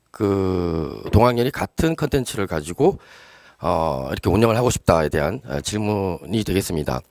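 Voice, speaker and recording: Man, lowish voice, lively pitch, hesitant explainer, live teacher briefing. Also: no room sound, studio quality. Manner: explanatory, many hesitations and fillers. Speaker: education official answering teachers' questions.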